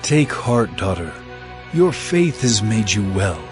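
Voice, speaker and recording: An actor playing Jesus in a dramatized audio Bible, a compassionate teacher speaking earnestly and with authority. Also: male voice, lowish voice, big pitch swings, slow pace. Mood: gentle, reassuring. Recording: music behind the voice. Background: background music.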